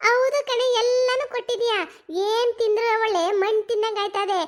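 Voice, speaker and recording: A woman's voice: very high voice, steady tone, moderate pace. A woman voicing a greedy, grumbling old mother-in-law in a cartoon comedy, whining and pleading for food. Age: older. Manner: whiny, complaining and pleading.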